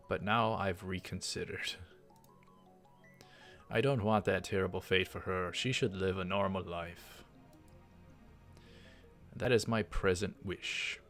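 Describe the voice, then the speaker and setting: A man's voice sits low and stays steady, a bit bright, at a measured pace with long pauses. He's reading a visual novel aloud as a let's play host, tossing in casual, halting, rambling asides while the game's music plays faintly.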